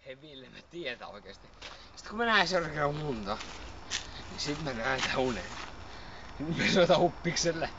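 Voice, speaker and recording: A drunk young man rambling, slurring and cursing constantly, with sudden shouted outbursts, filmed casually by a friend. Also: a little high, very animated, pauses often, distant mic. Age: young adult. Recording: lo-fi noisy home video.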